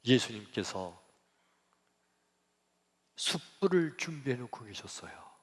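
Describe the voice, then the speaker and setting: A male pastor delivers a sermon with a bright, lively voice that climbs high and drops low as he retells a story. He speaks slowly and dramatically, moving between near-whispers and ringing shouts. His voice carries a long church hall reverb. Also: husky. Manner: dramatic, swings from hushed to shouting.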